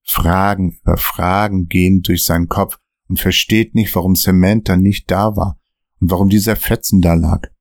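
A man narrating a scripted story podcast in a steady, measured way. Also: low voice, creaky, dry recording, studio quality.

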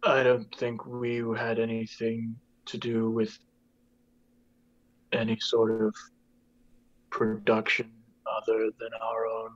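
An eerie masked chieftain voiced by a man talks at a crawling, deliberate pace in a mid-pitched voice. He is formal and measured, and he trails off into sinister whispers. The whole effect is unsettling and calm. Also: lo-fi sound. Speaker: band member in persona.

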